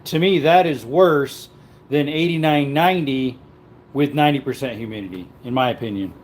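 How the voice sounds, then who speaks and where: This cooking livestream host talks at a moderate pace in a medium-pitched voice, with slight noise behind him. While making food at home, he rambles easily and chats casually with the people watching.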